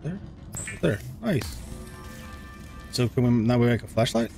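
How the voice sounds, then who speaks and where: A man's voice: medium pitch, fairly quick, a little mellow, soft background music. A man in his thirties thinking aloud in casual, laid-back let's-play commentary, often muttering to himself. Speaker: gaming streamer. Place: small room at home. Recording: faint game noise behind.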